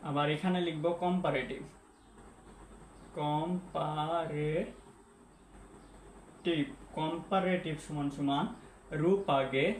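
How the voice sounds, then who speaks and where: A man's voice: on the high side, unhurried. A man teaching a lesson at a whiteboard, repeating and spelling out words and putting questions to the viewer. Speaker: English teacher. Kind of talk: classroom-style lesson at a whiteboard. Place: classroom or room with a whiteboard. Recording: echoey room with faint background hum.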